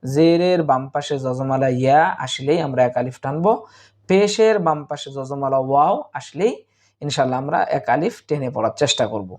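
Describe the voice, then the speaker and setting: A man teaching Quran reading in Bengali, spelling out letters and vowel marks slowly and repeating syllables for students. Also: medium pitch, animated, darkish tone. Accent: Bangladeshi Bengali. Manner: slow, drawn-out spelling of letters and vowel marks, then recited Arabic words.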